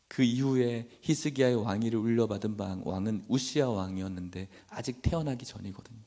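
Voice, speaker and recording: A man's voice: mid-range voice, mellow. A male pastor preaching a sermon, at times voicing emotional, pleading prayers aloud.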